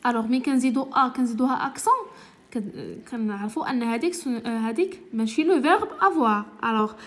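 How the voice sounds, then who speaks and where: A woman teacher with a Moroccan Arabic accent talks through a classroom lesson. Her voice sits slightly high, and she goes over each point patiently. She repeats words slowly and keeps checking that everyone has understood.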